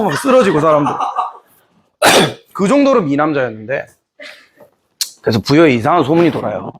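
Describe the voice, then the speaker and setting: A man teaching history in a lively lecture, playfully acting out scenes from the story. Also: on the high side, breathy edge. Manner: animated storytelling, playful, voices characters.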